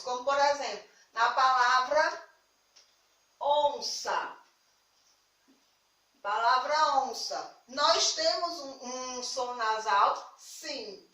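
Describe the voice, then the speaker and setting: A woman's voice: sits high, takes it slowly, bright, forceful tone, reverberant, far from the mic, poor audio. A Brazilian woman teaching a remote lesson to young children, affectionate and patient, stressing key words. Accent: Brazilian Portuguese. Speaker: primary school teacher.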